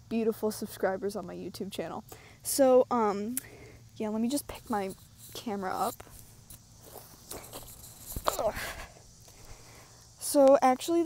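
A young woman with a slightly high voice rambles through a casual walking vlog, filling her sentences with ums and likes. Her humor is dry and self-mocking, and she sounds a little winded from walking. She talks outdoors into an earbud headset mic. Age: young adult. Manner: rambling, filler-heavy, self-deprecating, deadpan humor. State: slightly out of breath from walking uphill. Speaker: YouTuber. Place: outdoors at the edge of woods. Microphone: wired earbud headset mic, phone held low.

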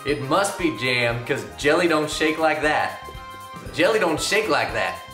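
A young man co-hosting a homemade comedy cooking sketch, cracking deadpan one-liners in a home kitchen. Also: fairly high pitch, a little slow, over music. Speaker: comedy cooking show co-host. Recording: echoey kitchen on a camera mic.

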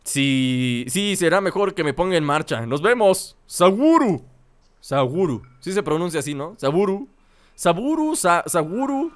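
A man's voice: sits high, sing-song, moderate pace. A young man commenting playfully on a video game and reading its dialogue aloud. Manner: jokey, reads game lines in put-on voices. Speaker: gaming youtuber. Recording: voice over faint game music.

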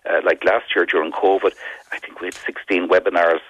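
A fast-talking man with a west of Ireland accent gives a radio interview. His voice is low and husky, and he often doubles back on his words. The sound is dull and band-limited. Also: flat delivery, a bit bright, no echo. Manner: hesitant, repeating words as he goes. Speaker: community development company representative, interview guest.

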